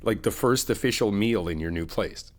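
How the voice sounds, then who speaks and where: An ASMR roleplay creator plays the listener's best friend, chatting casually and upbeat, teasing and laughing often. His voice is fairly low, and he speaks at a normal speed.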